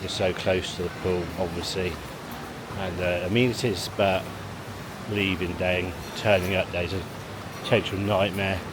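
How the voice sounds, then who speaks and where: Talking to camera for his family vlog, this man rambles and chuckles as he moves from an outdoor car park to a leisure pool. He has a deep voice with fairly even intonation at normal speed, and the handheld recording carries loud background noise.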